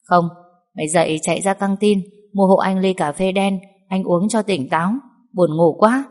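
A woman's voice: medium pitch, normal speed, a little mellow, lightly acted. Woman voicing a worried, firm husband. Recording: long hall reverb.

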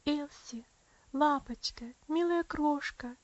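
A gentle young aunt's voice, trembling and tearful, soothing a sick child, as a woman narrator puts her on. It sits a little higher than the reader's own already high voice. The recording is close, dry and slightly dull. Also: moderate pace, dry recording. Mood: tender. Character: tender, distraught young aunt.

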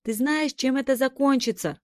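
A woman's voice: medium pitch, very animated, normal speed, dark tone, no echo. A woman voicing a worried young archer. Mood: alarmed. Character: young female archer Kira, urgent and caring.

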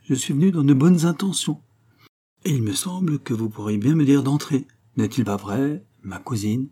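Eager young count, read by a man, kinda pleading, raised voice, warm husky tone. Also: medium pitch, animated, moderate pace, pitched above the performer's own voice. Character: earnest young male count, impulsive and kind.

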